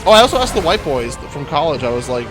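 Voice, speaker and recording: A man's voice: fairly high pitch, big pitch swings, quick pace, over music. Goofy, laughing gamer guy. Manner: goofy, laughing often, breaks into playful freestyle rapping. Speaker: co-host and gamer. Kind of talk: casual gaming chat.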